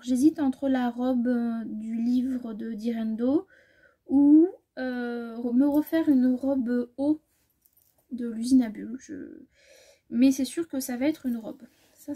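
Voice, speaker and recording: A high-pitched woman with a mellow, slightly breathy voice chats her way through a fabric haul. She rambles, corrects herself and lets sentences trail off into soft asides. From France. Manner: chatty, rambling, self-correcting, often trailing off softly. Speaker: sewing vlogger. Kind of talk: casual fabric haul chat.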